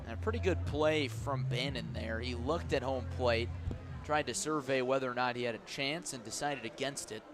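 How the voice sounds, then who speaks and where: Over music, a man with a mid-range voice calls live baseball play-by-play for radio from an outdoor ballpark booth at a normal speed. His calls are clipped and descriptive, rising to excitement when plays happen.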